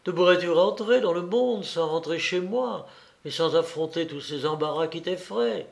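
A man's voice: a little high, moderate pace, creaky. A man reading aloud voices an anxious, tender mother who pleads with her daughter. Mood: pleading. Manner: pleading, timid, then overjoyed.

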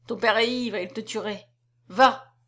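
A woman's voice: fairly high pitch, fairly even intonation, moderate pace, fairly bright tone. A woman reading aloud, voicing a frightened mother who urges her daughter to go away. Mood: urgent. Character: timid mother whispering through a door.

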